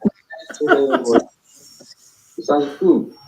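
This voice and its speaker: A man on a phone call talks slowly in halting, broken English. His pitch rises and falls a lot. The line sounds roomy and echoey. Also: wildly swooping pitch, vocal fry, a little mellow. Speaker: phone scammer.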